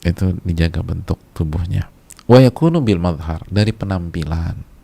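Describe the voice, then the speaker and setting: A man's voice: sits low, moderate pace, creaky, warm tone, husky. A male preacher giving a casual religious lecture, talking conversationally, repeating key phrases for emphasis and sometimes chanting short religious verses.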